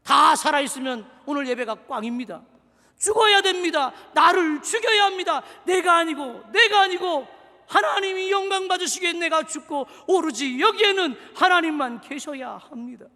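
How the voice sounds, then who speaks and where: Preaching at a normal pace with lively intonation, this Seoul pastor's high, bright, forceful voice echoes through a reverberant church sanctuary. His sermon swings dramatically from shouted exhortation to hushed, confiding asides.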